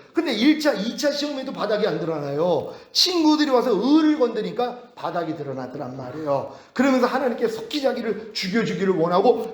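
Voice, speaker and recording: A man giving a sermon-style Bible lecture, animated, often chuckling and asking rhetorical questions. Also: sits high. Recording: roomy echo.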